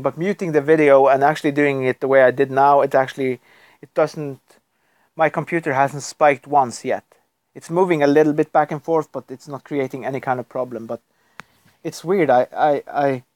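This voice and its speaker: A native Norwegian speaker from Norway chats casually on a live stream at his computer, rambling and often chuckling. His voice is mid-range with a darkish tone, and there's no echo.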